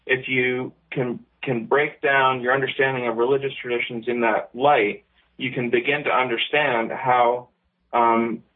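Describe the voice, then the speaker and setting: A man's voice: mid-range voice, little pitch movement, measured pace. A male caller on a speakerphone over an internet call, explaining his point hesitantly with many ums. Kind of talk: call-in radio talk. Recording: tinny phone-like call line.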